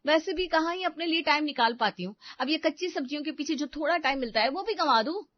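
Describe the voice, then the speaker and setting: A woman plays a frustrated young cartoon wife who is fed up with housework and with her mother-in-law, indignant and sarcastic. Her voice is high, and the recording is dry and a little dull. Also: expressive, fast, dry recording. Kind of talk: animated family story voice acting.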